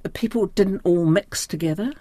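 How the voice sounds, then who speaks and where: An older woman with a New Zealand accent, a diary editor appearing as an interview guest, speaks reflectively and thoughtfully, often searching for her words. Her voice is medium-pitched with a dark tone at a moderate pace, and there's no room sound.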